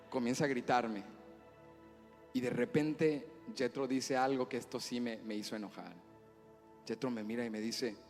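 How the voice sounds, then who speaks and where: A man preaching a sermon as pastor, impassioned and building on repeated refrains. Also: medium pitch. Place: church sanctuary. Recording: long church reverb with faint music.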